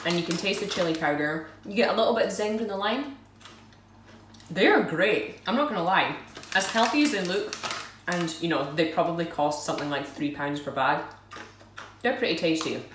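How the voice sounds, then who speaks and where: Chatty woman in a roomy echo. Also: lowish voice. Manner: chatty, self-deprecating, giggly asides. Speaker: food vlogger. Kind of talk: casual unboxing and tasting review. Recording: roomy echo, mic at a distance, faint noise.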